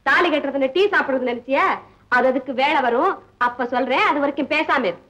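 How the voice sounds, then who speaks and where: An actress playing a sharp-tongued young maid who scolds and teases, in a 1960s film comedy scene. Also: female voice, high-pitched, quick pace, dull audio. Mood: scolding. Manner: scolding, teasing.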